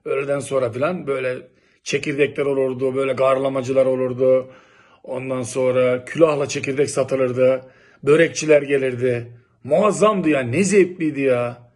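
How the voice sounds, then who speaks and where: A middle-aged man from Turkey telling old local stories in a lively, exclamatory, casual way. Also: fairly high pitch. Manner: animated, exclamatory, lively storytelling. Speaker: local vlogger reminiscing. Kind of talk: casual nostalgic monologue.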